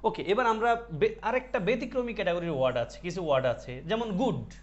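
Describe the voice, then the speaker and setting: A man's voice: high-pitched, animated, fairly quick, lo-fi sound. A man teaching an online English grammar class, explaining step by step, repeating words and asking his students questions.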